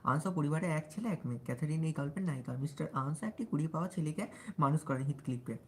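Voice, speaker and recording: A young man with a Bangal-tinged Bengali accent talks in a soft, sweet voice on a live stream. He reads study notes aloud and keeps asking his viewers whether they follow. A faint ambient hum runs underneath. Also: a little high, lively intonation, poor audio. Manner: deliberately soft, sweet way of speaking; chatty, often asks listeners if they follow. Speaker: livestreamer studying for exams.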